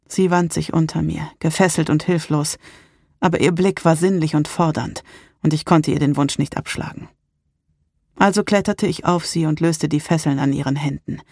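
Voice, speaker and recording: A woman narrating a first-person erotic story in a calm, intimate reading style. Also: low voice, slightly rough, no echo, clean studio sound. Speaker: audiobook narrator.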